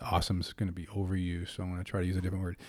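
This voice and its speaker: A man's voice: low voice, completely flat delivery, racing, darkish tone, no echo. A man hosting a casual interview, chatting in a jokey, complimentary way with his guests. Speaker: podcast host.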